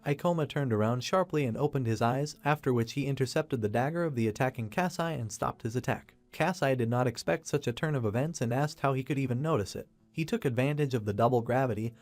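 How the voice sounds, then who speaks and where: A man reading a comic story recap as scripted narration, in a steady, even storytelling read. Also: medium pitch, fast talker, few pauses. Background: faint background music.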